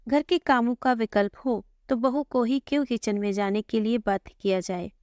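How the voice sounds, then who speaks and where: A woman with a fairly high voice tells a family story in the first person, gently and conversationally. She keeps her own tone when she voices the dialogue. The close microphone gives a dry sound with no room echo. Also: normal speed, clear, resonant tone.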